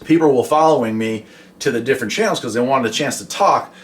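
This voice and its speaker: Talking fast at a medium pitch, this American man, a hobby vlogger who runs a CB radio, gives a chatty, folksy explainer about his hobby, complete with radio call demonstrations.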